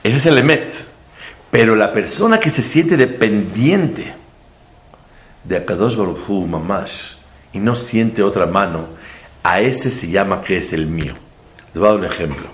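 A man's voice: lowish voice, animated, a little slow. A man giving a Torah sermon, asking rhetorical questions and using playful homely examples. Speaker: religious teacher. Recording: echoey room.

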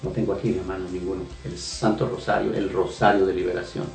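A man's voice: low-pitched, little pitch movement, fast talker, vocal fry, a little mellow. A man earnestly telling a personal faith testimony on a radio talk show, with hesitations and repeated phrases. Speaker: guest giving testimony. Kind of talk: emotional spoken testimony. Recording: echoey room, heard from a distance, faint music.

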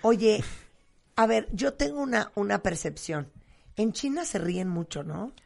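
A host in a casual chat, teasing and prompting the guest with lively questions. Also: medium pitch, measured pace, gravelly.

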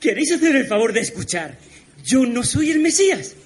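A man's voice: very high-pitched, sing-song, fairly quick. A man from voicing an exasperated young man mistaken for a messiah in a radio play. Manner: flustered, exasperated.

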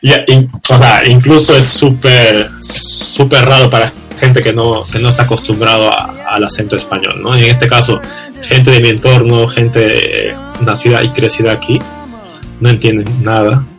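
Man, interviewer, casual chat, questioning tags, average pitch, soft music behind. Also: steady tone, normal speed. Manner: chatty, often ends with a questioning tag. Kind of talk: casual conversation.

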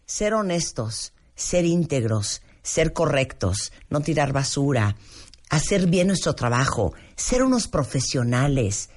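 A man's voice: fairly high pitch, sing-song, slow. A man with a Mexican accent hosting a radio show, talking in an emphatic, preachy way and reeling off lists. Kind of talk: casual opinion talk on air. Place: radio studio.

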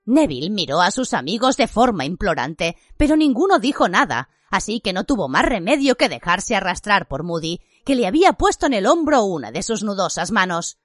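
A woman narrating a story in an expressive, scripted way. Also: mid-range voice, a little fast, few pauses, no room sound, studio quality. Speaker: audiobook narrator.

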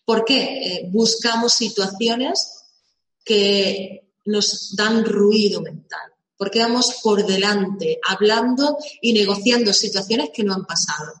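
A woman's voice: medium pitch, slow pace, fairly bright tone. A woman giving a motivational live talk, asking rhetorical questions and repeating words for emphasis. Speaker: live session speaker on visibility. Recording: roomy echo.

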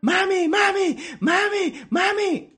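A man voicing a frantic, breathless young girl who shouts for her mother. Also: sits high, normal speed, creaky, slightly rough, faint music behind, exaggerated voice. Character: frantic young girl, the baby's older sister.

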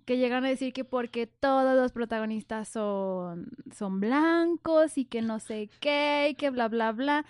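High-voiced woman hosting, dry sound. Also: a little slow, hardly any pauses, smooth, no room sound. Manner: lively, steers the talk with questions. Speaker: host. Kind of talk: casual podcast chat.

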